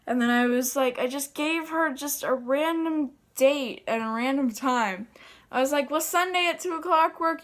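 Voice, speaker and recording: A young woman tells a story in a casual, rambling way. She swears often and leans on fillers. Her voice sits a little high. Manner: chatty, profane, full of fillers. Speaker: vlogger.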